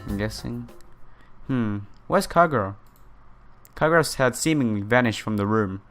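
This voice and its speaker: A gaming YouTuber's medium-pitched, slightly bright voice sounds animated as he reads a visual novel aloud at a normal pace. Game music plays behind him, and he stumbles over some words and adds offhand comments.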